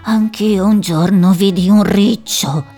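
A dramatic male mouse, played by a woman reading aloud tells his tale with slow, theatrical suspense. The storybook voice has an altered timbre and stretches its words. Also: mid-range voice, mellow, soft background music. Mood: suspenseful.

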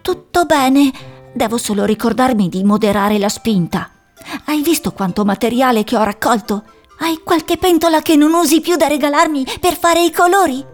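A woman voicing a young male hedgehog who is an eager, fidgety inventor, chattering excitedly. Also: high-pitched, moderate pace, faint music behind, pitched above the performer's own voice, close to an everyday voice. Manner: excited, chattering, easily startled.

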